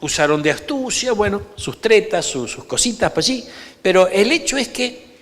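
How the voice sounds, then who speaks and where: A man's voice: high-pitched, expressive, moderate pace, fairly bright tone. A man with an Argentine Rioplatense accent, a pastor preaching an emphatic sermon in a church and often calling for amens. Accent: Argentine Rioplatense Spanish. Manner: emphatic preaching, peppered with calls for amen. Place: church sanctuary. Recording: reverberant church hall.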